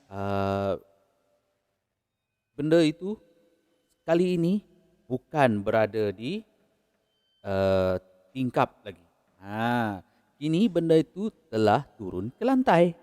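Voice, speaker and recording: A man with a Malaysian Malay accent narrating a horror story in a casual, unhurried way, chuckling between beats. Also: lowish voice, a little mellow, clear, resonant tone, big-room sound.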